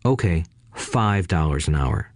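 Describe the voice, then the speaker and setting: A man's voice: extremely low pitch, very animated, a little slow, gravelly, no room sound, clean studio sound, pitched below the performer's own voice, exaggerated voice. A man voicing an older wealthy mentor who speaks in a sly, lecturing manner to two boys.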